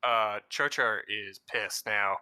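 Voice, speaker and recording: A man's voice: lowish voice, slow, sharp tone, clear, resonant tone, no echo. A man playing in a tabletop game, asking questions about the scene before his character acts. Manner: questioning, checking details before acting. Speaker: player. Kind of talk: casual tabletop play.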